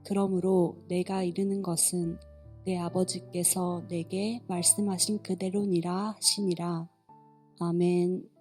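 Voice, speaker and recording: A woman reading a scripture passage aloud in a steady, measured way. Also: on the low side, faint music behind. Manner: steady, even recitation.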